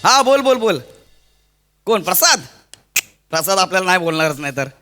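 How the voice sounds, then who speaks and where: An actor playing a boastful, teasing young master of the house in a stage comedy sketch, joking all the time. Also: male voice, high-pitched, very animated, moderate pace. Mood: breezy. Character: blustering young master of the house, brags about his language. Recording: stage show with loud music behind.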